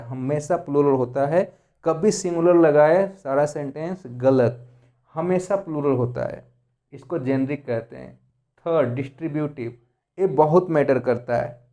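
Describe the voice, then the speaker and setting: A man teaches a grammar lesson in a fairly high, mellow voice with a soft, dark tone. He works through rules by listing examples one by one and keeps checking in with the class. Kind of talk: lecture explaining grammar rules.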